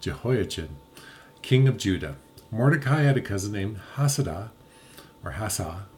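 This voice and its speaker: A man's voice: fairly low pitch, lively intonation, moderate pace, slight background noise. A man casually reading Bible verses aloud and chatting, laughing often and tripping over hard names. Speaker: podcast co-host reading scripture.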